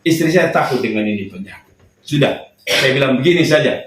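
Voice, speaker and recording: A man's voice: medium pitch, animated, a little fast. A young man, preaching a sermon as a pastor and telling a personal story with humor. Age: young adult. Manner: storytelling with humor, laughing at his own jokes. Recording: echoey hall, voice from far off.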